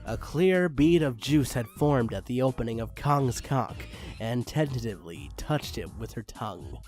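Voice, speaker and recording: With background music under his voice, a man reads fan fiction aloud in a mock-dramatic style at normal speed. His mid-range delivery is animated, and he breaks off for amused asides.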